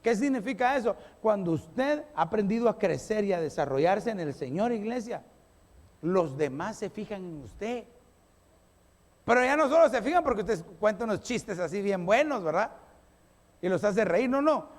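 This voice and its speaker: A male pastor preaching a sermon to his congregation, animated and playful, acting out little everyday scenes. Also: high voice, normal speed, in a large hall.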